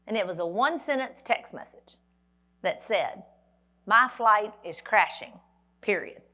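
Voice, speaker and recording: A woman's voice: mid-range voice, animated, unhurried, pushed and bright. A woman, giving a motivational keynote at a conference and telling a dramatic story with wry humor. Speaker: motivational speaker. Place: conference hall.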